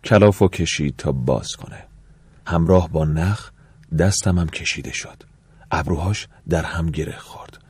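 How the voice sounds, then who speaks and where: A man narrating an audiobook in the first person, calm and measured, at times dropping to a soft whisper. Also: a bass voice, slightly rough, no echo.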